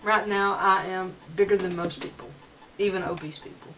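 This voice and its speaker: A woman's voice: medium pitch, fairly even intonation, normal speed, a bit bright. Young woman rambling on her vlog, earnest, kinda muffled lo-fi camera sound, little bit of hiss. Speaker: vlogger. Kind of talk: casual vlog monologue. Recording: dull lo-fi home video.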